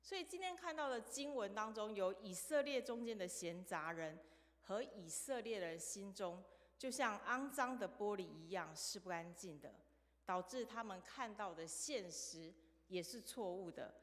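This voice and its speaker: A woman's voice: mid-range voice, lively intonation, moderate pace. A woman preaching a sermon in a church, telling stories and asking the congregation questions. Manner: storytelling, asks the congregation questions. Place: church sanctuary. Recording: long reverb of a church hall.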